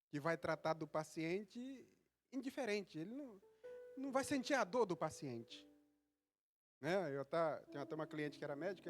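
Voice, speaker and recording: A male pastor preaching a sermon, telling a personal story in a loose, conversational way that builds into fervent, loud preaching. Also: fairly high pitch.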